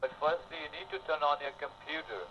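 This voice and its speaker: A man on the other end of a phone call, pitching tech support and ending his phrases with a repeated "okay?". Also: fast talker, over a noisy crowd. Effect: heard over the phone. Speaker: caller posing as tech support. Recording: muffled phone line with faint hiss.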